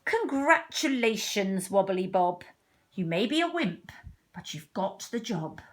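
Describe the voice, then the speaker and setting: Woman as a slow, emphatic hungry king. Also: mid-range voice, very animated. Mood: satisfied. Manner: emphatic, declaring, stretched-out words. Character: hungry, bossy but helpful storybook king. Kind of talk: children's storybook read-aloud.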